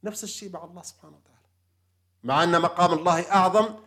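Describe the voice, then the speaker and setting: A man delivers a spiritual lecture on humility before God at a quick clip. His voice sits a little high for a man, and he speaks earnestly and unscripted, often restarting his phrases and filling pauses. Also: fairly bright tone. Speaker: religious lecturer.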